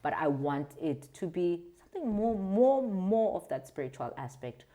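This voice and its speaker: A South African woman with a low-pitched voice answers interview questions conversationally. She speaks in an earnest, expressive way, with the accent of her home country. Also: normal speed. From South Africa, Transkei. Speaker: interview guest, video creator.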